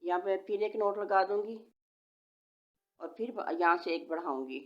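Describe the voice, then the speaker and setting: This knitting tutorial host speaks at a normal speed with a medium pitch, patiently laying out each step and counting stitches aloud. A sore throat slightly changes her voice, and the home recording sounds dull and lo-fi.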